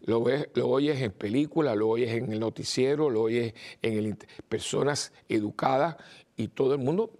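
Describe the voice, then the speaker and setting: Speaking at a medium pitch with a darkish tone, an older male priest with a mixed Spanish accent delivers a loose, meandering homily. He repeats himself and fills pauses with hesitation sounds.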